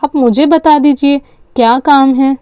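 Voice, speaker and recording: A woman's voice: high voice, fairly even intonation, measured pace, warm tone, no echo, clean studio sound. Woman doing a chatty, bossy young aunt. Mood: coaxing. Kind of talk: storytelling with dolls.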